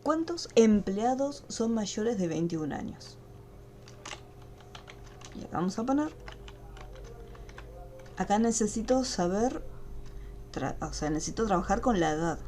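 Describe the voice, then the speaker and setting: A woman's voice: medium pitch, sing-song, measured pace, long pauses, dark tone, a little hiss or hum. Patient woman teaching a class. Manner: patient, step-by-step explaining. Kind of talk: online class. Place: home room, online video call. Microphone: computer mic on a video call.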